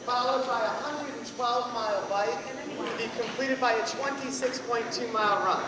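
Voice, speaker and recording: A man's voice: very high voice, normal speed. A man giving an emphatic political rally speech as a candidate, building his points through repeated phrases. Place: large echoey hall with a crowd. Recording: echoey hall from far off, crowd noise.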